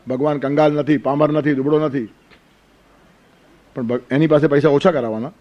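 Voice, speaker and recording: A man teaching a spiritual discourse in a forceful, scolding way, full of rhetorical questions. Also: fairly high pitch. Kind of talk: Gita discourse.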